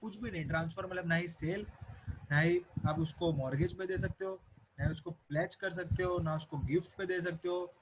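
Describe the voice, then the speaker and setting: A man's voice: high-pitched, normal speed, a little hiss or hum, low-quality recording. A young man with an Indian accent explains a law to students in a recorded lecture and repeats key points often. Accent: Indian English. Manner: explanatory, repeats key points, mixes English terms into Hindi. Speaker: teacher.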